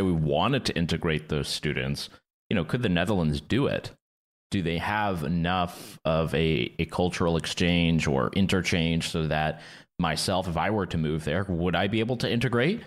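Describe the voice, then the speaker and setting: On a podcast, a co-host from Quebec, Canada, with a very deep voice thinks out loud in casual discussion. He drifts into asides, chuckles lightly, and keeps a relaxed, conversational pace.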